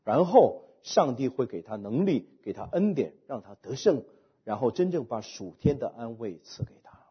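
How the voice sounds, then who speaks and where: A man delivering a sermon in a slightly husky voice with an animated, rising and falling pitch. He leans on his key phrases, poses rhetorical questions, and lets his lines drop softly at the end. The recording sounds dull and lo-fi. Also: moderate pace. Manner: emphatic preaching with rhetorical questions, trailing off softly at phrase ends. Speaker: pastor.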